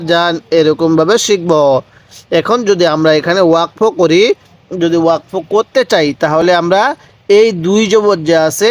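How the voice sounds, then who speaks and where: A man's voice: fairly high pitch, slight background noise. A man teaching Quran reading, spelling out Arabic syllables and repeating them patiently for learners to read along. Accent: Bangladeshi Bengali. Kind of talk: slow spelled-out recitation lesson.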